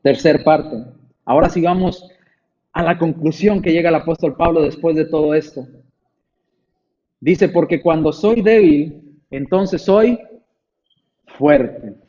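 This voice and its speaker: A man in his forties preaching a sermon in an expressive way, acting out frightened voices in his stories. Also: fairly high pitch, measured pace, long pauses, highs cut off. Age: 40s. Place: church.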